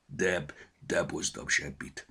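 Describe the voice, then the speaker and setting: Man voicing a sick goblin boy, blocked nose, grumbling, tired, low and husky, storybook. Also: steady tone, pushed and bright, full character voice. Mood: grumpy. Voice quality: stuffy blocked-nose speech. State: congested with a cold. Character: sick grumpy little male goblin with a cold.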